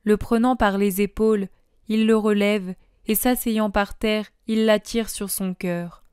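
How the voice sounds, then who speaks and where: Woman narrator, devotional reading, very slow, smooth clear voice, dry close sound. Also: medium pitch, no echo. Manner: slow, even and solemn. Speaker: audiobook reader.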